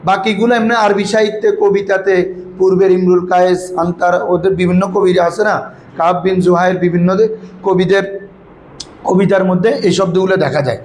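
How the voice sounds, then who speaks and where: High-voiced teacher in an echoey classroom. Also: male voice, little pitch movement, fairly quick, a little mellow. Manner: prompts students to repeat answers, calls them "babara". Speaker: Arabic grammar teacher. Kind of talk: classroom grammar lesson, call and response. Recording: echoey room with background noise.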